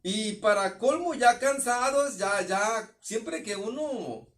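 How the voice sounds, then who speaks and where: A man's voice: extremely high pitch, animated, fairly bright tone, distant mic. A man with a northern Mexican accent preaching a sermon, often stumbling and repeating words as he goes. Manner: halting, many repeated words and restarts.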